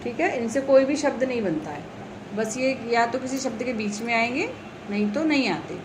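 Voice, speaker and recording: Against a noisy background, a woman teaches Hindi grammar to young schoolchildren at a moderate pace, her voice on the high side and expressive. She patiently goes over letters and example words again and again.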